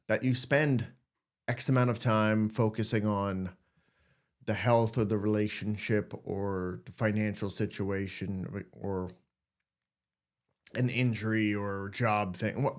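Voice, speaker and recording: A man hosting a podcast, talking casually and candidly about anxiety, joking and acting out his own worried thoughts. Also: lowish voice. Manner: candid, jokey, acts out anxious thoughts. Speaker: podcast host. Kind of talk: casual self-help monologue.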